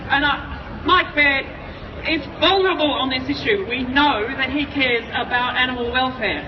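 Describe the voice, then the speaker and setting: A high-pitched woman speaks as an urgent activist at an outdoor protest rally. She drives points home with emphatic repetition. Her voice echoes from a distance, over crowd and traffic noise. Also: lo-fi sound. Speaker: wildlife volunteer group representative, protest speaker.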